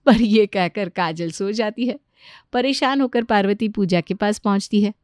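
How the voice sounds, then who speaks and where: Woman narrator, calm storybook read, dry close sound. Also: medium pitch, moderate pace, no echo. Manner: even, storytelling delivery.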